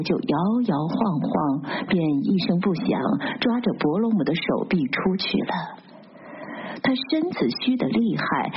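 A woman narrating a literary novel aloud in a steady, measured storytelling manner. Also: fairly low pitch, slight background noise. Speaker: audiobook narrator. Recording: dull lo-fi recording.

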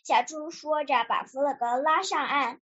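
A young girl with a high voice tells a children's story for a radio show. She reads earnestly and carefully, stumbling now and then. The recording sounds slightly muffled. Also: moderate pace, a bit bright. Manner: earnest, careful read-aloud with small slips. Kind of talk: reading a children's story aloud. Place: radio program.

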